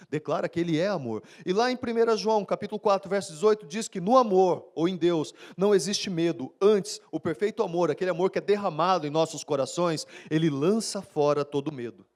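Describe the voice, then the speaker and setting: A man with a Brazilian accent, a pastor giving a live sermon at a church service in a fast, conversational way. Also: sits high, darkish tone. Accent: Brazilian Portuguese.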